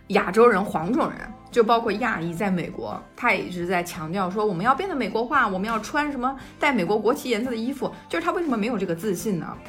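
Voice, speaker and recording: A young woman from China co-hosting a casual podcast, telling stories in a rapid flow with frequent restarts. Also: mid-range voice. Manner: rapid storytelling with restarts and quoted dialogue. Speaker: podcast co-host. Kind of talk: casual conversational podcast chat.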